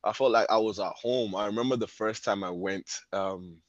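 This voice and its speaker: Relaxed young man, dull dry recording. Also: lowish voice, brisk, no echo. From Spain. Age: 20s. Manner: relaxed, laughs often, many fillers. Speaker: podcast guest. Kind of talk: casual conversation.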